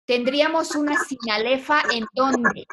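A woman's voice: sits high, unhurried, heavy background noise. A woman teaching a poetry class online, patiently quizzing her students. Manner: patient, asks the class questions.

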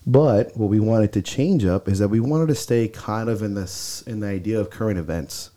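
The close-miked co-host of a casual podcast has a mellow, lowish voice and a moderate pace. He talks bluntly with plenty of swearing, sounding stuffy-nosed.

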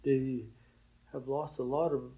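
Interviewed about his time as a boarding school teacher, an older man from Oklahoma speaks at a leisurely pace, thinking as he goes. His mid-range voice is dark and relaxed, and his conversational style leans heavily on "you know."

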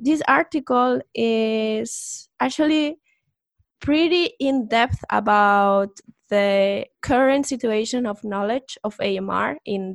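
A woman co-hosting a podcast talks through research in a relaxed, explanatory way. Her voice sits a bit high and carries a gravelly edge. It is recorded dry and close, with no room sound. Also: no room sound. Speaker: podcast co-host. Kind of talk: casual podcast chat.

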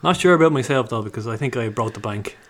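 Quick talking irish guy co-hosting a podcast, casual and a bit wry, average pitch. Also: animated. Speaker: podcast co-host. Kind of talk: casual chat.

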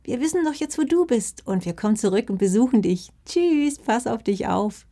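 A woman's voice: a little high, animated, normal speed, pitched above the performer's own voice. A woman voicing a caring mother fox in a children's audio story, reassuring and calling out goodbye. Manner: reassuring, bright farewell.

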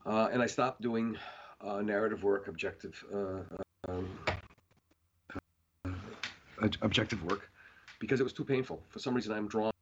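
A man's voice: lowish voice, moderate pace, long pauses, muffled recording, slight background noise. A man, a painter being interviewed, talking in a rambling casual way with many fillers and restarts.

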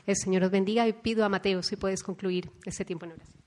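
Flat-toned Spanish woman moderator. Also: mid-range voice, quick pace. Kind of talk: closing remarks.

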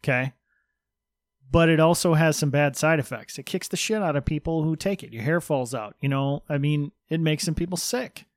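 Higher-pitched man podcasting, close and dry. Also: normal speed, no room sound. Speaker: podcast co-host. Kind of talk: casual joking talk.

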